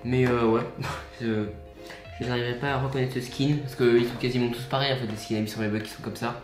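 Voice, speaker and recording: A man's voice: medium pitch, fairly even intonation, brisk, roomy sound, over music. A young man with a French accent chatting casually while showing his toy collection in an upbeat vlog. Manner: chatty, upbeat, many fillers and asides.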